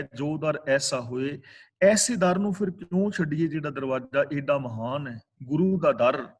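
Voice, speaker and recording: Scripture teacher, male, measured teaching over a video call, voice a touch high. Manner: chants verses slowly, then explains word by word. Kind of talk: religious exposition class.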